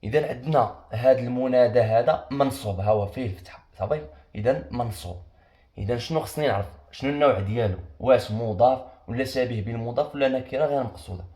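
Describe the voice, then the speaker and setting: A man's voice: medium pitch, fast, warm tone. A young Moroccan man teaching an exam-prep grammar lesson. He asks questions and answers them himself, and he repeats the key points. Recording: echoey room.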